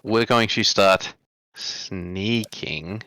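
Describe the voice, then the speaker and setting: Slow-talking man playing a tabletop game. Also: lowish voice, pushed and bright, no echo. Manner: hesitant, describing his character's actions. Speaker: player. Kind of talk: casual game chat.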